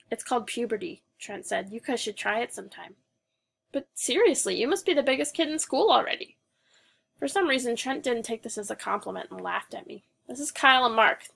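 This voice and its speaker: A woman reading a children's novel aloud as the narrator, with brisk first-person storytelling and dialogue read without character voices. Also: on the high side, gravelly, a bit bright, husky. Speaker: audiobook narrator.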